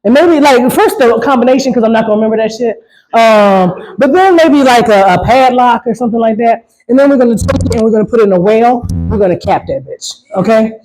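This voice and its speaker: A woman does a stand-up comedy set, talking loosely and swearing a lot while she keeps asking the crowd "right?" to get them to agree. Her voice is on the high side, fairly quick and darkish in tone, and the audio is poor.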